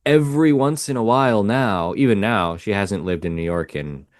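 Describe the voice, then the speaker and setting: Deep-voiced slow-speaking man. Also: dry recording, studio quality. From United States. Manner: relaxed, thoughtful, hedging. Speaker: native English-speaking conversation partner. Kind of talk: casual conversation.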